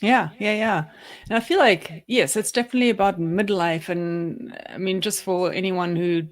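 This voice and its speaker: A woman in her fifties with a South African accent co-hosts a podcast from her home office. Her voice sits in the mid range and moves at a normal speed. She chats casually and reflectively, restarting often.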